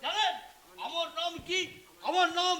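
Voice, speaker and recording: A man's voice: extremely high pitch, steady tone, measured pace, sharp tone, full character voice. A man playing a greedy, blustering middle-aged police inspector on the jatra stage, bossy one moment and weepy the next. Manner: blustering, bribe-hungry, turns weepy and maudlin. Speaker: stage actor. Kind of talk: Bengali jatra stage acting. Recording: live stage recording with music.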